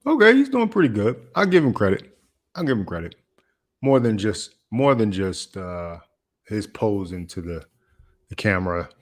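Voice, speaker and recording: A man's voice: on the low side, big pitch swings, moderate pace. A man hosting a reaction video, commenting casually on a clip and laughing often, repeating his phrases.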